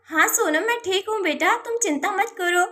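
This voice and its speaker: A woman voicing a caring village mother in a doll storybook, talking softly and reassuringly. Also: very high voice, normal speed. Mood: weak. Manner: soft, reassuring, sighing.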